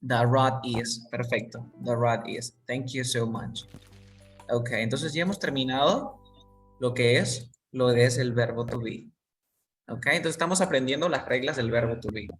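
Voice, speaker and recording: A teacher leads a basic English lesson, speaking very slowly and repeating each word for students to copy. The voice sits a little back from the microphone. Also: mid-range voice, recorded from a distance, soft background music.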